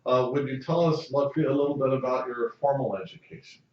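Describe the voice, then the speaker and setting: A man's voice: mid-range voice, fairly even intonation, a little fast. A man interviewing a guest, hesitant, repeating words and using many fillers. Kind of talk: interview questions. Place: university building. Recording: distant, echoey and muffled.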